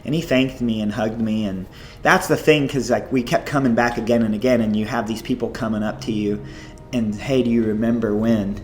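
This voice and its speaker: A man's voice: on the low side, brisk, faint music behind. Man telling vivid stories. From United States. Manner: animated, chatty storytelling full of "like" and "you know". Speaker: missionary guest. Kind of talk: storytelling interview.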